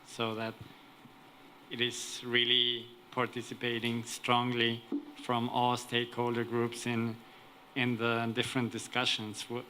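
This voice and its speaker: A man giving unscripted remarks as a conference participant, deliberately searching for his phrasing. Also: mid-range voice, sharp tone, a little hiss or hum. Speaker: conference participant, event organizer.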